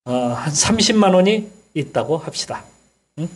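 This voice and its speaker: A man delivering a sermon in a church, his voice set a little high and audibly husky. He talks to the congregation like a conversation, checking in with them often, and now and then his pitch jumps up for emphasis. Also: expressive, moderate pace. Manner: prods the congregation with frequent "eh?" tags. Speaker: pastor. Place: church sanctuary.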